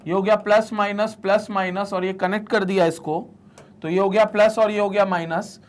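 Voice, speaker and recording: A woman's voice: mid-range voice, steady tone. Woman teaching exam-prep chemistry. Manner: reads questions slowly, repeats answers; mixes English terms into speech.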